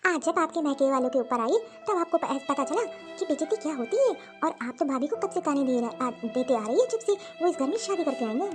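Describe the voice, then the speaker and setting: A firm, outspoken adult daughter from a cartoon story, voiced by a woman. She speaks frankly in a high voice, reproaching without holding back. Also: expressive, brisk, few pauses, over music. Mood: reproachful.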